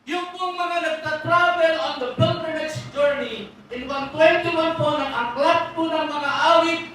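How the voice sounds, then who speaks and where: A Filipino male pastor preaches in a very high voice, switching between Tagalog and English as he tells stories with animation. He is recorded from far off in a strongly echoing church hall, with faint noise in the background. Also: measured pace, bright, forceful tone. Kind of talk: sermon.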